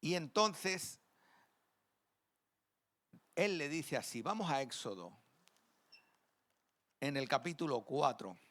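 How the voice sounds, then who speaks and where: A man's voice: a little high, expressive, slow pace, pauses often, fairly bright tone. A male preacher giving a sermon, telling a story and asking the congregation questions. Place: church.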